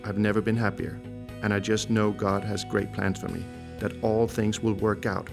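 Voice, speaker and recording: A low, gravelly voice from a man in his forties who grew up in Denmark and speaks Danish as his first language. He reads a scripted testimony in a measured, reflective way. Guitar music plays clearly behind him. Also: flat delivery. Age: 40s.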